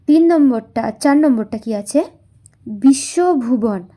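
Slow high-voiced woman teacher. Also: expressive, warm tone. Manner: slow, spells words out syllable by syllable; asks and answers her own questions. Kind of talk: classroom lesson.

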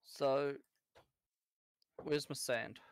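A man's voice: mid-range voice, steady tone, extremely slow, clear, resonant tone, no room sound. A man chatting casually while playing a video game, teasing and sarcastic. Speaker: gamer. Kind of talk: casual gaming chat.

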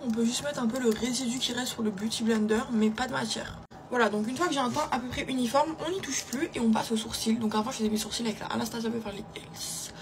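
A woman's voice: a little high, fast. Chatty young woman, noisy phone clip. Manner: chatty, offhand, self-mocking. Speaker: beauty vlogger. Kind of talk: casual get-ready-with-me chat.

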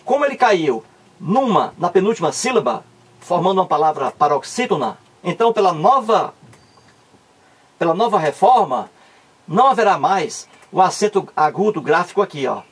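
This teacher is a man from Ceará in northeastern Brazil with a Cearense Brazilian Portuguese accent, working through a grammar lesson full of emphatic repetition. He has a husky, high-pitched voice that swings widely in pitch at a moderate pace.

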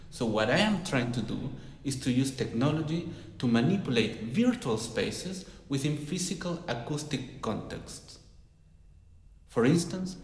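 A man in his thirties, originally from Chile, talks through his research in a measured, thoughtful way. He sits in a high-ceilinged room with tall windows. The sound is roomy, with a long reverb trailing each phrase, and his pitch sits in a middle range. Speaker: music researcher. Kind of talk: scripted portrait monologue.

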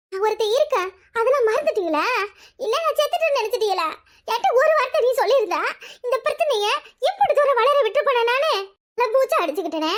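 A woman's voice: very high-pitched, a bit bright. A woman with a Kanyakumari Tamil accent voicing a married sister in a cartoon, sarcastic and self-pitying. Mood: accusing.

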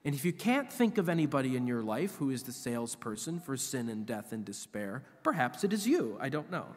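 A man in his forties, a visiting priest, preaching a sermon at a church lectern in an animated, emphatic way. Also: medium pitch, a little fast. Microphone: lectern microphone. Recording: long church reverb.

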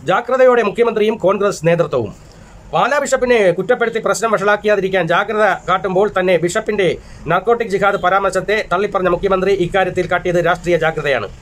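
A man reading newspaper stories aloud in a steady, formal manner, with small restarts now and then. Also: high-pitched. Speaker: newsreader. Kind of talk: read-aloud newspaper headlines.

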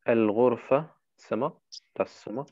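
A man's voice: mid-range voice, unhurried, dark tone, no echo, muffled recording. A man teaching Arabic in a one-to-one online lesson, patiently walking his student through each answer.

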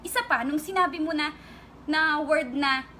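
A woman's voice: high voice, moderate pace, pushed and bright, slight background noise. A woman vlogger with a Filipino accent, angrily and tearfully speaking straight to her critics in an emotional online rant.

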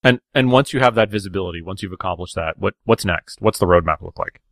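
Man, low voice, dry mic, conversational interviewer. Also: quick pace, no room sound. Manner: conversational, questioning, repeats words. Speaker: podcast host. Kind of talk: podcast interview.

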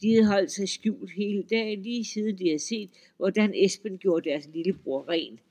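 A man reading a folk tale aloud in a lively, expressive storytelling manner. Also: high voice.

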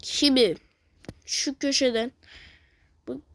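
Woman, let's-play commentator, high and unhurried, cursing and heckling the game. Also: steady tone, vocal fry. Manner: cursing, teasing, reacting loudly to the game. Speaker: gamer playing a video game.

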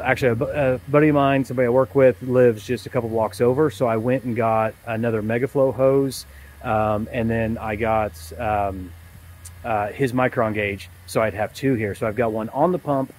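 An HVAC technician in his forties talks casually to the camera, explaining his work beside an air conditioning unit in a yard. His mid-range voice is a little mellow. It's an outdoor phone recording made at arm's length, with background noise.

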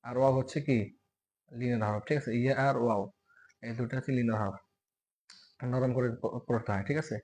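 Bengali recitation teacher drilling pronunciation. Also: male voice, mid-range voice, fairly even intonation, slight background noise. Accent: Bangladeshi Bengali. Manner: repeats sounds slowly and loudly for demonstration; checks in often with "okay?". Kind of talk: recitation lesson on letter pronunciation.

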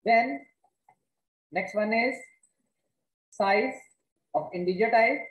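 A woman with a North Indian accent teaching an online class step by step in a halting, repetitive way. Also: a little high, highs cut off. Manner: halting, repeats words and questions students. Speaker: computer science teacher. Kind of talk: online lesson, explaining step by step. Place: indoors, online class with screen share. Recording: echoey room.

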